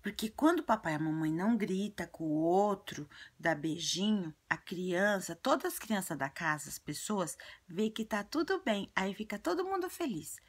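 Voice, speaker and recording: A woman doing a breathy chatty little girl. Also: medium pitch, expressive, moderate pace, hardly any pauses. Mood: earnest. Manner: childlike storytelling, repetitive. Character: earnest chatty little girl sharing advice. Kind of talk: video monologue in character.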